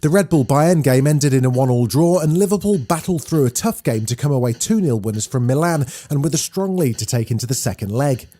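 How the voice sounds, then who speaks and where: Lively man reading daily news. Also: mid-range voice, a little fast, few pauses. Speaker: news podcast host.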